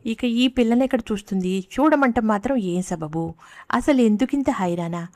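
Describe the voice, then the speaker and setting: A woman's voice: on the high side, moderate pace, dark tone, dry recording. Woman reading a story, dry and close. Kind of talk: scripted story narration.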